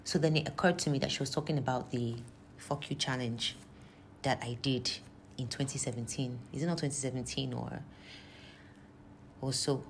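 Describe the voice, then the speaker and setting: A woman's voice: a bass voice, fairly even intonation, normal speed, long pauses, a little hiss or hum. A Nigerian woman in an interview, emphatically recounting a confrontation, acting out the quoted lines and mixing in Yoruba phrases.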